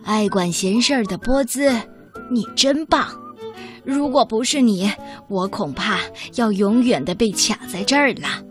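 A woman's voice: fairly high pitch, expressive, measured pace, faint music behind. A woman voicing a commanding male farmer in a children's storybook. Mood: praising. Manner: commanding, counting out loud. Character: bossy take-charge male farmer. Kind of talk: storybook reading.

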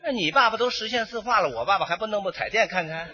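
A man performing the answering part in a staged crosstalk comedy routine, firing quick retorts and vocal sound effects, heard through a slightly muffled old radio broadcast. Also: high voice, lively intonation, sharp tone.

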